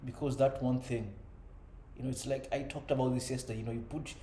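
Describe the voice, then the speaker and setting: Man, 30s, earnest reflective monologue; mellow tone, echoey room with faint background hum. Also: medium pitch, fairly even intonation, brisk. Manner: earnest, conversational, frequent "you know" and "right?". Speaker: self-improvement vlogger.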